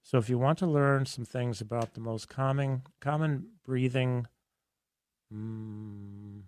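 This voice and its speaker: A man hosting a health radio show in a studio, talking in a casual, enthusiastic and rambling way with a hoarse, raspy voice. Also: mid-range voice, slow, a little mellow, no room sound.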